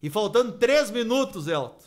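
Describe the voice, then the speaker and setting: A man from Rio do Sul, telling an animated story on a radio sports show and tagging his sentences with "né?". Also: sits high, moderate pace. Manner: animated anecdote-telling with frequent "né?" tags. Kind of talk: casual studio storytelling. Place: radio studio.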